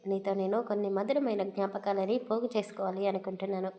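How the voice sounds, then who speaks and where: A woman voicing a young husband who talks to his wife in a gently teasing, amused way. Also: medium pitch, fairly even intonation, quick pace, natural voice.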